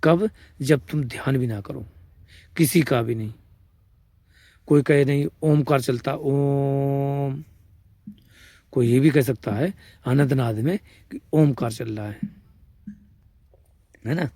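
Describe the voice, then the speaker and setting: A man's voice: mid-range voice, unhurried, long pauses, mellow, husky, no room sound, clean studio sound. A man with a Braj-region Hindi accent, a spiritual teacher giving an informal discourse, explaining patiently, repeating his points and checking that listeners follow. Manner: explains patiently, repeats points and asks "samajh rahe hain?".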